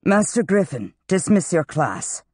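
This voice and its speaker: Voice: medium pitch, very animated, a little mellow, husky, no room sound, clean studio sound. A narrator voicing a commanding wizard dean woman. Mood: measured. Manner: brisk, commanding. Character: commanding gray-haired female dean of wizards.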